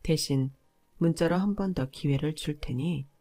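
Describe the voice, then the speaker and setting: A woman narrating her own story in the first person, calm, firm and measured. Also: sits low.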